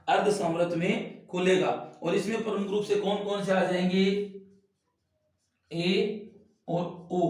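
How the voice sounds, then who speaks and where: Male teacher, demonstrative, drawn-out vowels, distant and echoey. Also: sits high. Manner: demonstrative, repeats and stretches vowels, instructive. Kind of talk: classroom lesson demonstrating vowel sounds. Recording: very echoey room, voice set back from mic.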